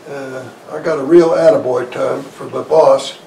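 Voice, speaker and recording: In a small living room, a Korean War veteran in his eighties sits in an armchair recalling his life for an oral-history interview, halting, folksy and plain-spoken. His mid-range voice is steady, creaky and mellow. A lavalier clipped to his shirt gives a roomy, distant sound with faint noise.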